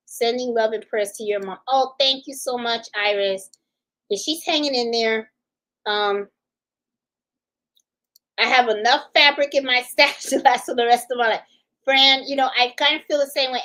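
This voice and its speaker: A woman's voice: a little high, a bit bright, low-quality recording. Chatty woman in her fifties, rambling. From Puerto Rico. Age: 50s. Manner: chatty, rambling, laughs easily, reads viewer comments aloud. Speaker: livestream host. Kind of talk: casual livestream chat.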